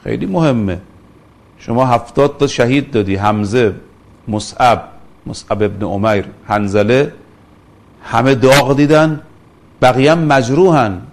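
Middle-aged male preacher, storytelling lecture, slows down to recite scripture. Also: medium pitch. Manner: storytelling, quotes Arabic scripture slowly. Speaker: religious lecturer. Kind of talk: religious lecture.

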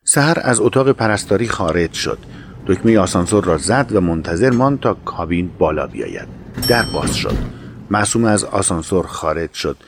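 A man narrating an audio drama in a slow, measured storytelling voice. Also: deep voice, expressive, background noise.

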